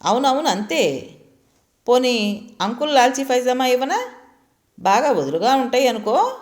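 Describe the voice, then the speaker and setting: A woman's voice: high-pitched, very animated, unhurried, voice pushed up. A woman voicing a bossy, talkative middle-aged aunt who scolds freely. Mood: scolding. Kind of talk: storytelling voice acting.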